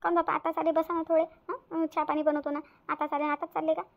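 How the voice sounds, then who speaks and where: A woman's voice: high-pitched, flat delivery, fast, creaky. A woman voicing a scheming young wife in a cartoon, sly and whiny, pleading with fake tears. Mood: wheedling. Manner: wheedling, fake-tearful pleading. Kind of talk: cartoon voice acting.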